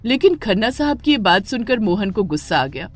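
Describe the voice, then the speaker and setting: Expressive woman storybook narrator. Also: mid-range voice, a little fast, faint music behind.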